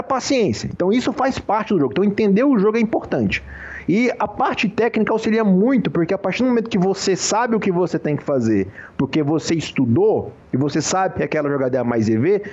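A man speaks casually as a guest on a poker interview, easy and slangy, always checking that the listener follows. His voice sits a bit high for a man. The recording is muffled and dull. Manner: relaxed, slangy, says "cara" and "entendeu" often. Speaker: professional poker player, guest.

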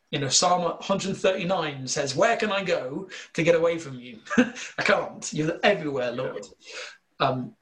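A man with a slight northern English accent, explaining scripture in a relaxed discussion, earnest and full of fillers. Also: fairly high pitch. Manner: earnest, explanatory, thinking aloud with many fillers. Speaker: bible teacher. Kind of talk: casual theological discussion.

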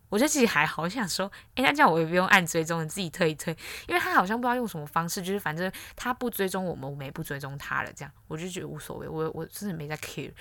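Young woman host, candid and blunt, slightly low voice, dry booth sound. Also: vocal fry, a bit bright, dry recording. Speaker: podcast host. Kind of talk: casual solo podcast chat.

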